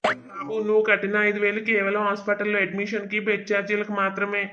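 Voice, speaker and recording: An actor voicing a cold, matter-of-fact private hospital doctor in a cartoon drama. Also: male voice, sits high, monotone, fast, pushed and bright, highs cut off.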